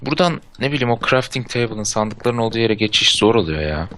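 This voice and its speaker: A young man playing a game with a friend, joking around and firing off quick comebacks. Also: on the low side, expressive, fairly bright tone. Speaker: co-player. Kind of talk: casual gameplay chat.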